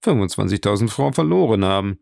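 A man's voice: fairly low pitch, animated, fast, vocal fry, a little mellow, no echo, clean studio sound. A man voicing a matter-of-fact minister's secretary in an audiobook, explaining figures plainly. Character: evasive male minister's secretary.

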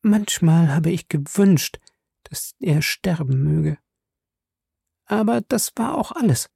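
A proud young woman bristles under questioning, her voice pitched far above the reader's own, as a man reads her part. The delivery is sharp and emotional, with a grainy, gravelly undertone and a dark, mellow timbre. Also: lively intonation, slow, no room sound, clean studio sound, full character voice. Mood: pleading. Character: sharp young woman, defiant then pleading.

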